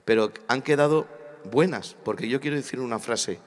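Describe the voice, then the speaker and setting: A man's voice: medium pitch, moderate pace. A man from Spain speaking at a church congress panel, preacherly, repeating phrases for emphasis. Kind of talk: impassioned church panel talk. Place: large congress hall. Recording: hall reverb.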